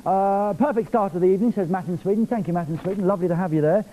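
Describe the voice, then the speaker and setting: A man's voice: sits high, racing, dark tone, slight background noise. A man hosting a live television music show from a studio, reading viewer messages in a jokey, teasing, playful way.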